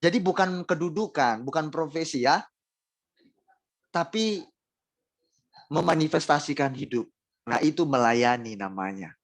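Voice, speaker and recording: Gravelly-voiced man preaching a sermon. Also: on the high side, expressive, unhurried, long pauses, no echo, rough recording. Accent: Indonesian. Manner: addresses congregation directly, rhetorical questions, emphatic repetition. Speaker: pastor.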